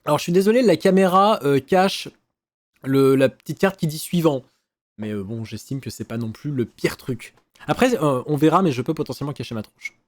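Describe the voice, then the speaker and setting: A man streaming a video game, chatting casually and excitedly, swearing and thinking out loud. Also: on the high side, a little fast, no room sound. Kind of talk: casual let's-play commentary. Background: faint game music.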